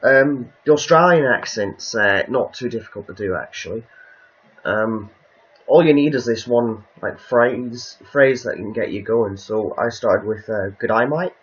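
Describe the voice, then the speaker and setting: A man's voice: mid-range voice, measured pace, muffled recording. A man chatting casually on a livestream, hesitant and rambling, with many ums and restarts.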